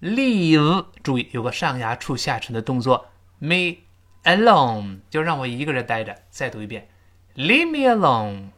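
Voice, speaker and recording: A middle-aged man teaching spoken English in Chinese, modeling short English phrases slowly and stressing key words. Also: medium pitch, fairly bright tone. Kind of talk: bilingual language lesson.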